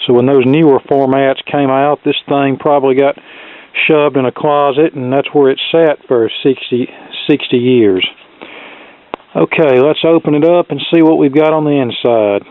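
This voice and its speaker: A middle-aged hobbyist electronics repairman presents a video from his workshop, casually talking through a hands-on repair with plainspoken, folksy turns of phrase. His medium-pitched voice is steady and moderately paced. The recording is close and dry, with a narrow, tinny, phone-like sound.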